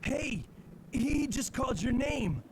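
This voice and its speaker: A man's voice: extremely high pitch, slow pace, background noise. An actor playing a determined young male mercenary in a survival horror game, with an earnest, urgent, dramatic delivery. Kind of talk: dramatic video game voice acting.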